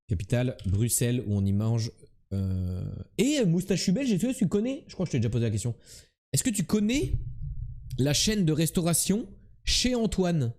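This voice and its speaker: Loud teasing male streamer, mellow voice. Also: mid-range voice. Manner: loud, teasing, talks to chat. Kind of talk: live-streamed quiz game chat.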